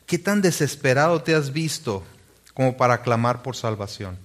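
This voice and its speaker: A man's voice: mid-range voice, animated, normal speed. A male pastor preaching a sermon, reading scripture aloud and asking his congregation rhetorical questions.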